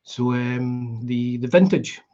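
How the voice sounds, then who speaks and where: A middle-aged man with a broad Scottish accent and a husky voice, chatting casually and in a rambling, conversational way as he hosts a live stream. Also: medium pitch, slow pace, mellow, highs cut off. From Scotland. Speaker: guitar vlogger hosting a live stream. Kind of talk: casual chat.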